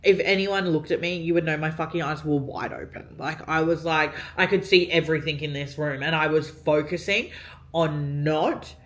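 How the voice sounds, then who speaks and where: A woman's voice: low-pitched, normal speed. A young woman telling a story while getting ready, chatty, swearing often and filling her talk with "like". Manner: chatty, heavy swearing, many "like" fillers. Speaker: vlogger.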